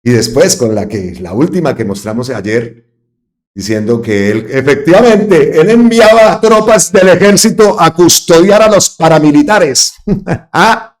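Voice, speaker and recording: A man's voice: on the high side, lively intonation, measured pace. A man hosting his own political commentary channel, talking emphatically and repeating phrases for stress. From Colombia. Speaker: host of an online political channel.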